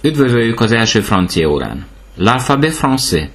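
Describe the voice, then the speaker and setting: A man teaching a language lesson, reading words and their translations one by one with short pauses. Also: mid-range voice, very animated, fairly bright tone. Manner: reads word lists, pausing after each item. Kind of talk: slow, clear language lesson.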